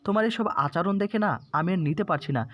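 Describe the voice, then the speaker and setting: A man's voice: high voice, brisk, fairly bright tone. A man voicing a grown daughter who reproaches her mother and pleads with her. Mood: reproachful.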